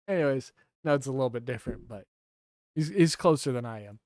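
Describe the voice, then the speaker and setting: A man's voice: mid-range voice, lively intonation, a little fast, a little mellow, dry recording, clean studio sound. A man talking casually to his livestream chat, rambling and correcting himself, laughing now and then.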